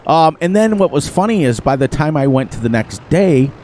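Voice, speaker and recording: Very animated and fairly high-pitched, a man talks at normal speed in a mellow voice, with a little hiss or hum in the recording. He's a gaming channel host giving playful, chatty farming game commentary, laughing often and sniffling with a runny nose.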